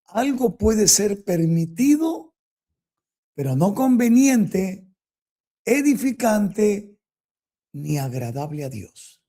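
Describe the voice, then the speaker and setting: A man's voice: high voice, warm tone. A man preaching a Bible teaching, emphatic and full of rhetorical questions to his listeners. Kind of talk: sermon-style Bible teaching.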